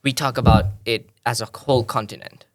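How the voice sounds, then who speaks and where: A Tanzanian man appears as a podcast guest in an explanatory, conversational interview, speaking briskly in a mid-range voice with fairly even intonation. He explains at length and thoughtfully, frequently restarting his sentences.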